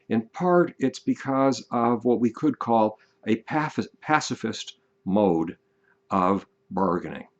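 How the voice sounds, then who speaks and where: An older man giving an emphatic, deliberate monologue, stretching out the words he wants to stress. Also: fairly low pitch. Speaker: commentator. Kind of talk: casual monologue to camera. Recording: dull lo-fi sound.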